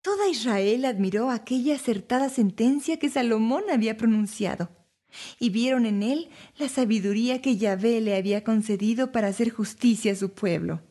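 A woman narrating Bible stories for families in a clear, even storybook reading. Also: on the high side, normal speed.

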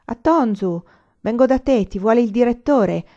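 A woman's voice: on the high side, animated, moderate pace, dark tone, pitched above the performer's own voice. A woman putting on a pushy young schoolmate. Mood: insistent. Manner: insistent, coaxing. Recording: slightly muffled recording.

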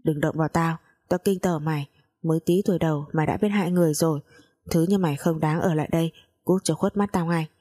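A harsh woman of the house scolds with contempt, as a woman narrator puts her on. The voice stays low and mellow, with a breathy rasp. The tone is sharp-tongued and cold. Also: steady tone, quick pace. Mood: scornful. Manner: scolding, hissing.

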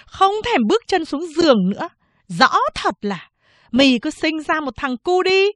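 A woman voicing a domineering old peasant mother-in-law who scolds and shouts at the family in a spoken story. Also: high voice, dry recording, pitched above the performer's own voice.

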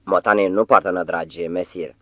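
A man voicing a vain, cheeky talking tomcat jester with a falsely warm, huffy manner. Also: deep voice, fairly even intonation, no echo. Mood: haughty.

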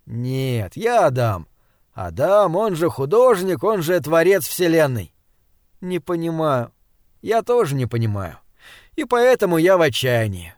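A man reading a storybook voices a shy, desperate young male artist who speaks low and pleadingly. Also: sing-song, unhurried, no room sound, clean studio sound. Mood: earnest.

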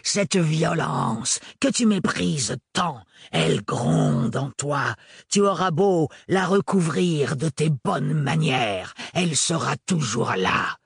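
A man doing a husky, sadistic storybook villain who savours every taunt, stretching words out slowly. The sound is dry and close, with no room around it. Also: fairly high pitch, lively intonation, no room sound, voice pushed up, full character voice. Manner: slow, drawn-out taunting, English words slipped in. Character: cruel mocking man, menacing and sadistic. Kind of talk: audiobook character voice.

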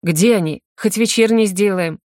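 A woman voicing a gruff, teasing young male police officer with a husky, growling tone in an audiobook. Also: medium pitch, moderate pace, a little mellow, no echo, studio quality, natural voice. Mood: worried. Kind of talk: audiobook character voice.

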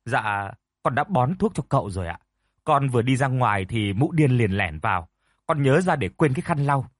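Male narrator plays a nervous servant girl, eager to please; husky, dry. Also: medium pitch, expressive, moderate pace, dry recording, close to an everyday voice. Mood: flustered. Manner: deferential, flustered. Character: timid young female servant.

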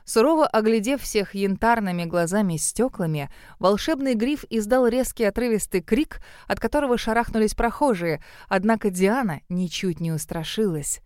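A woman narrates a fantasy audiobook in a steady, even storytelling manner. Her voice is smooth and clean. It is recorded dry and close to the mic. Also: medium pitch, normal speed, few pauses, dry recording.

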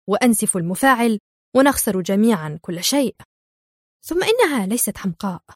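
A woman voicing a ruthless, quick-tempered female crime boss who snaps orders, in an audiobook. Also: fairly high pitch, no room sound, studio quality. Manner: sharp, imperious, snapping orders. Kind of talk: audiobook character voice.

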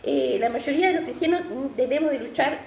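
A woman's voice: high-pitched, brisk, gravelly, a little hiss or hum. A middle-aged woman pastor with a Rioplatense Spanish accent, preaching a sermon and telling a personal testimony, repeating words and often saying amen. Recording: echoey hall, dull lo-fi sound.

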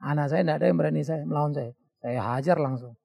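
A middle-aged male pastor, preaching a sermon in a lively storytelling way, mimicking voices and laughing at his own stories. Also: on the high side, fast talker, vocal fry.

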